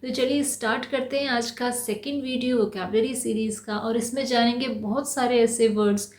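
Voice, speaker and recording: A woman teaching English vocabulary in Hindi, who explains each word and reads the English examples slowly and deliberately. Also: fairly high pitch, fairly even intonation, a little mellow. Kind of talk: Hindi-language vocabulary lesson.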